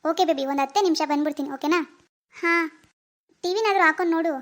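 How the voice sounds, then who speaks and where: A performer voicing a fussing, coaxing mother looking after her grown daughter in an animated drama. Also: very high voice, quick pace.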